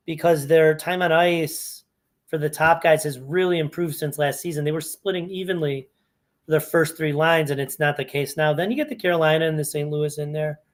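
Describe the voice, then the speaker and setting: A man talking through fantasy hockey lineups in a casual walkthrough, thinking aloud and correcting himself as he goes. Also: fairly high pitch. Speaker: fantasy sports analyst. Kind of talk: casual screen-share walkthrough.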